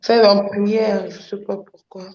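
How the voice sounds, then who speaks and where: A woman's voice: mid-range voice, flat delivery, measured pace, darkish tone. A woman speaking as a caller on a live show, with brief, deferential replies. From Congo-Brazzaville. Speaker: caller asking for prayer. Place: remote call into a live online broadcast. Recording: dull, echoey, noisy remote connection.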